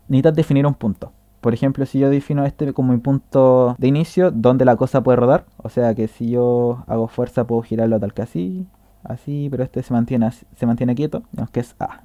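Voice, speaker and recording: A man's voice: medium pitch, dark tone, no echo. A man explaining a tutorial in a casual way, walking through a drawing step by step and correcting himself as he goes.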